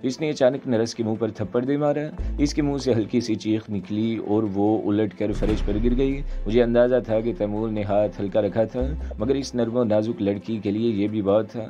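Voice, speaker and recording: A man narrating a thriller novel in the first person with steady, measured storytelling. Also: lowish voice. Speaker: audiobook narrator. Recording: dull lo-fi sound, faint music behind.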